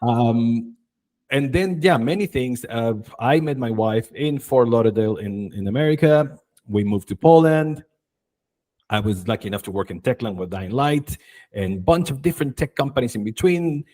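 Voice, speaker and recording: A man in his forties, from Chile, talks through his career as a guest on a podcast. His voice sits at an ordinary middle pitch, and he talks with energy, plenty of "um"s and quick asides. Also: expressive, mellow. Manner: enthusiastic, storytelling, frequent fillers. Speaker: guest, marketing and video expert. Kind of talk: casual interview chat.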